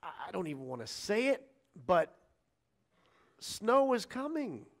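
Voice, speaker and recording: A male pastor preaching a sermon in an animated, conversational way, acting out scripture dialogue and chatting with the congregation. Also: high voice, unhurried. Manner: animated, acts out quoted lines with shifting voice.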